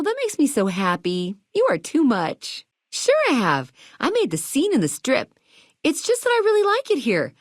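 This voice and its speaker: Heard in a full character voice, a high-pitched, bubbly young video game shopkeeper delivers her lines sassily and theatrically, with wide pitch swings and retro slang. The close, dry recording has no room sound.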